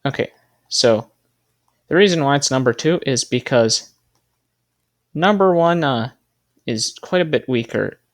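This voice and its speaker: Gravelly guy muttering through game menus, fixes himself mid-sentence, plain mid pitch. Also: lively intonation, measured pace, long pauses. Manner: thinking aloud, self-correcting, trailing off. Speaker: gaming video creator. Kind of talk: casual gameplay commentary.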